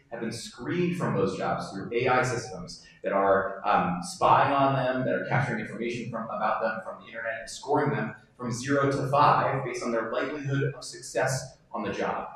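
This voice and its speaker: A man's voice: mid-range voice, fairly bright tone. A man answering a forum question as a political candidate, earnest and emphatic. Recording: echoey hall, distant mic.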